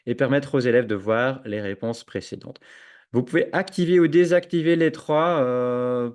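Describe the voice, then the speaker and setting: A man giving a screen-share software tutorial to teachers, hesitant with many fillers and restarts, on a computer microphone. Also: medium pitch. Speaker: educational software trainer. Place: at a computer, webinar with chat. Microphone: own computer microphone with noise suppression.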